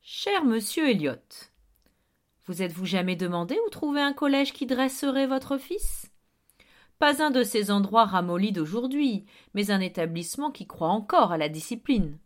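Storybook reading: woman voicing a blustering man in a wheelchair, barks orders, gets excitable. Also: mid-range voice, normal speed, close to an everyday voice. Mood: gruff. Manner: barking, excitable, bossy. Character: blustering, gruff middle-aged man in a wheelchair. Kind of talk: audiobook character reading.

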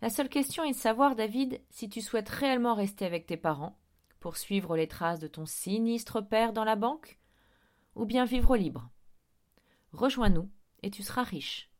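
A woman reading an audiobook and voicing a sinister, smooth-talking male vampire headmaster who coaxes and insists. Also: a little high, normal speed, a little mellow, close to an everyday voice. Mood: tempting, emphatic. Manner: coaxing, sly, growing insistent.

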